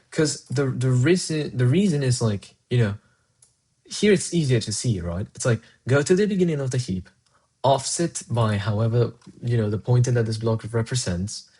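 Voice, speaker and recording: Here a Spanish-speaking programmer from Colombia works through code on a live stream, thinking aloud and taking chat questions between tasks. The voice is mid-range, darkish and husky.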